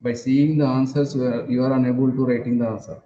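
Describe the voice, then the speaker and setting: A man teaches an engineering class over an online call, heard through a screen recording. His voice is dark and mellow, and his phrasing stops and restarts with repeated words and fillers. The sound is dull, lo-fi and roomy, with faint noise behind. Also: mid-range voice, flat delivery, fast. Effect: screen-recorded online class audio. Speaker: engineering lecturer.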